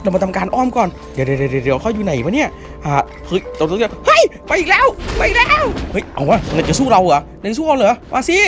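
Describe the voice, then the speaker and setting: Excitable young man, high lively voice. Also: fast talker, music in the background. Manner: excitable, loud exclamations and swearing. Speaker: gaming channel host. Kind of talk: excited gameplay commentary.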